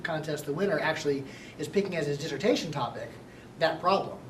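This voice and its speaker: A man lecturing a university class, talking quickly and excitedly and often checking in with "right?". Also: fairly high pitch, distant mic. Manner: fast-talking, excitable, many "right?" tags. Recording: echoey classroom recorded from afar, noisy.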